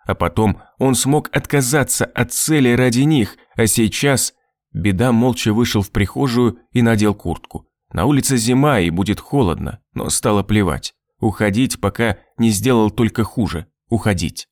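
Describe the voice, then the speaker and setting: A man's voice: mid-range voice, normal speed, a little mellow, dry recording. Man reading a novel aloud, dry booth. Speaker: audiobook narrator. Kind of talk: scripted narration.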